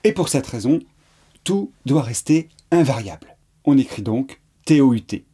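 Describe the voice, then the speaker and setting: A man's voice: medium pitch, expressive, moderate pace, mellow, husky. A man teaching French grammar in a patient lesson, repeating examples and spelling words letter by letter. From France. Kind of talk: slow explanatory lesson.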